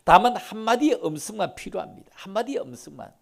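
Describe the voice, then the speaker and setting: A male pastor delivering an Easter sermon in a church, his slightly raised voice rough and gravelly. His pitch swings widely as he moves from ringing declarations to hushed, near-whispered lines. He repeats key phrases for dramatic weight. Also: big pitch swings, fast. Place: church sanctuary.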